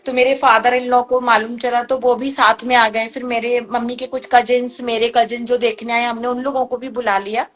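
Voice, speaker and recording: High-voiced woman telling a family story. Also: level tone, normal speed, few pauses. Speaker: guest recounting a family story. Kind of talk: emotional personal storytelling.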